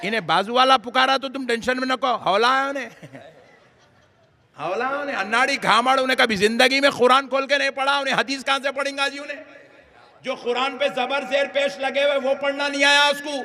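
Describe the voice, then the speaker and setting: A male preacher giving a colloquial, teasing sermon that rises into shouts. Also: very high-pitched, fairly even intonation, brisk. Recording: long hall reverb.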